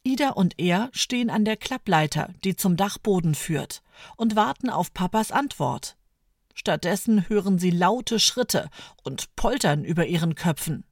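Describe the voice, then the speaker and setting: A woman narrating a children's story in a clear, storytelling manner. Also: on the low side, lively intonation, a little slow, no echo, clean studio sound.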